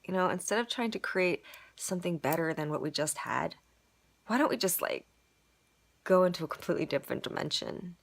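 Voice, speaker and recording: A woman's voice: fairly low pitch, lively intonation, brisk, creaky. A woman musing aloud in a casual, rambling monologue, reflecting on a storytelling performance and full of "like" and "you know".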